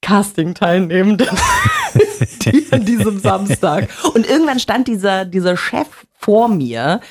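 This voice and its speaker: A middle-aged woman from Munich who works as a TV and radio presenter, telling stories in a casual conversation with a lively, laughing manner. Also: medium pitch, slow, breathy edge. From Munich, Bavaria.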